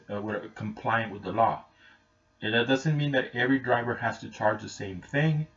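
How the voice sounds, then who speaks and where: A middle-aged taxi driver, an English speaker for whom Spanish is not his natural language, explains his service in a plain, matter-of-fact, informal way. His voice is fairly low and a bit bright. The recording comes from a muffled, distant webcam mic.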